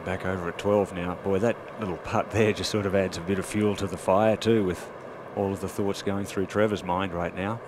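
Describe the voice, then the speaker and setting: A man's voice: low voice, steady tone, moderate pace, few pauses. A man working as a golf commentator, calling play live on a television broadcast. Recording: loud outdoor background noise.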